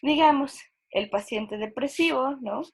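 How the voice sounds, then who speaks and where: Woman, fairly high voice, university lecture, explanatory, acts out quoted voices. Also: a little slow, creaky, breathy edge. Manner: explanatory, acts out quoted inner voices, frequent tag questions. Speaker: psychology lecturer.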